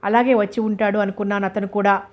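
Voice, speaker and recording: A woman reads a novel aloud in a steady, even manner. Her pitch sits in a middle register. It barely rises or falls from line to line. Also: fast. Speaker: narrator. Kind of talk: novel reading.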